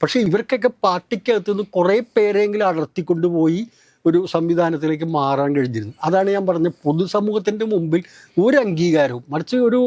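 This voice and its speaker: Measured explaining man, dry close sound. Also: sits high, a little mellow, no echo. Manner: measured and explanatory, with long recounting turns. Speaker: host of political discussion. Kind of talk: political analysis talk.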